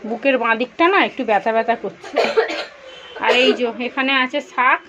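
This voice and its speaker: A woman's voice: fairly high pitch, normal speed, muffled recording, very noisy. A woman, chatting directly to viewers in a casual home vlog from her kitchen. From India. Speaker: vlogger.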